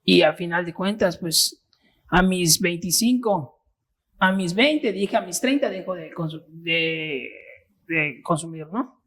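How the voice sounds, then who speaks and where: A man, an interview guest giving a personal testimony in an earnest, halting way. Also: sits high, a bit bright. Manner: earnest, halting, with restarts and fillers.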